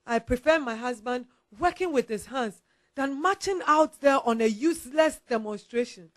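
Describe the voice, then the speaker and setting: A woman's voice: sits high, lively intonation, normal speed. A woman with a Ghanaian English accent playing a sergeant's worried wife who pleads with him. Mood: pleading.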